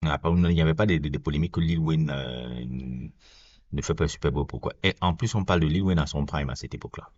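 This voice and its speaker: A man with an extremely deep, husky voice rambles through his opinions as a reaction video host. He talks straight to his viewers in a loose, casual way, and the recording sounds dull and lo-fi. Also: fast, a little mellow.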